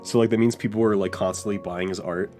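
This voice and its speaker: A man's voice: fairly low pitch, steady tone, fast, dark tone, faint music behind. Giggly, rambling young man. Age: young adult. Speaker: podcast co-host. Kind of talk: casual chat.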